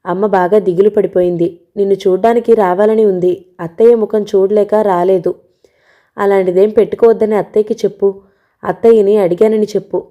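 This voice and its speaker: A woman voicing an ill young woman who speaks softly, pleading and resigned. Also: medium pitch, steady tone, brisk, phone-quality sound, lightly acted. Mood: weary pleading. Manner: soft, pleading, weary.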